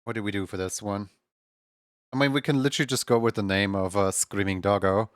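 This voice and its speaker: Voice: deep voice, steady tone, a little fast, dry recording, clean studio sound. A streamer chatting casually while drawing on a livestream, playful and given to cutesy exclamations. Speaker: streamer, animator.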